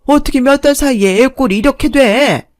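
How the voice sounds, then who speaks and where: A woman doing a shrill scolding mother-in-law. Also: normal speed, no echo, studio quality, lightly acted. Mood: aghast. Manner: sharp, contemptuous nagging.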